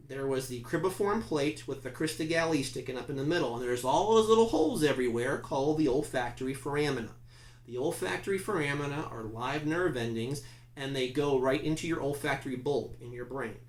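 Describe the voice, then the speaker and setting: A man's voice: a little high, expressive, fairly quick, echoey room, poor audio. A man teaching a class in a conversational, emphatic lecture style, often asking his listeners questions.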